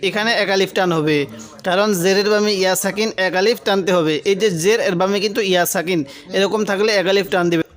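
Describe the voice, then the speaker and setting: A man with a high, light voice leads a Quran reading lesson. He spells out each letter slowly, then chants the joined syllables with long drawn vowels. Between the readings he explains the rules patiently and puts questions to the viewer. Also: steady tone.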